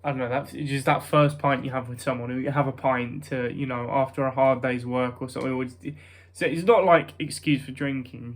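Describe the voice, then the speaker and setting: A young British man with a nasal voice rambles casually to his vlog viewers, hesitant and self-conscious, often breaking off mid-thought. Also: mid-range voice. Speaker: vlogger.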